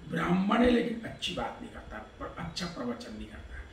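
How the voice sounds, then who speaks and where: A man's voice: a little high, sing-song, fairly quick, gravelly, a little hiss or hum. A man giving a Hindi religious discourse, reciting Sanskrit verses and explaining them, asking questions and answering them himself. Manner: explanatory, asks and answers his own questions. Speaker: Vedic discourse speaker. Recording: echoey room, distant mic.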